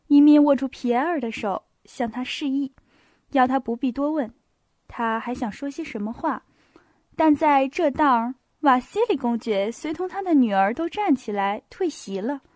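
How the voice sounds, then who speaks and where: A woman calmly narrating a novel as an amateur audiobook reader. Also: high-pitched, no room sound, studio quality.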